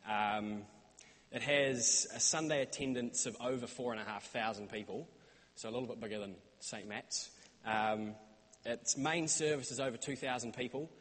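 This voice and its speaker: A young man with a New Zealand accent gives an earnest church talk about his mission stay, often pausing with "um" and "uh". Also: medium pitch, a bit bright, breathy edge. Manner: earnest, many "um" and "uh" fillers. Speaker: church intern giving a report. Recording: reverberant hall sound.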